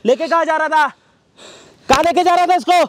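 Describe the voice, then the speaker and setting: A man's voice: very high voice, fairly quick, a bit bright, slight background noise. A man acting an angry bystander who confronts a harasser, barking the same questions again and again outdoors. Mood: aggressive. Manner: aggressive, barking repeated questions.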